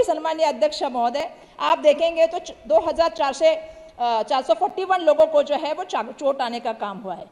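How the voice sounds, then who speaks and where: Woman, parliamentary speech, emphatic, high voice, echoey chamber reverb. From Maharashtra. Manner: emphatic, repeatedly addressing the chair. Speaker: member of parliament.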